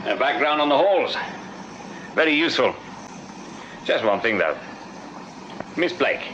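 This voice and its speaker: An actor playing a shrewd, firm Victorian police sergeant with an English accent, brisk, courteous and wry, in a radio drama. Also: male voice, medium pitch, very animated, fairly bright tone, a little hiss or hum. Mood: probing. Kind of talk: full-cast radio drama acting. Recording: slightly dull radio drama recording.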